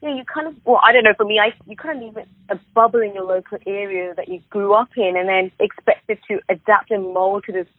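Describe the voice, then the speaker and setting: UK woman, reflective guest, halting delivery, lo-fi phone-line sound. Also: medium pitch, dry recording. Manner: reflective, halting, many restarts. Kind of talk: casual conversation. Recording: phone-line quality, dry.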